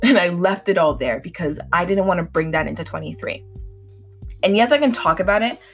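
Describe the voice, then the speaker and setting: A woman in her twenties talks through her own podcast, candid and chatty, slipping in "like" and "um" constantly. Her voice sits a little low for a woman and carries a faint sickly edge. Soft music plays faintly underneath. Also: animated, a little fast, husky. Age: 20s. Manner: candid and chatty, many fillers. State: slightly sick. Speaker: podcast host. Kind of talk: casual solo podcast talk.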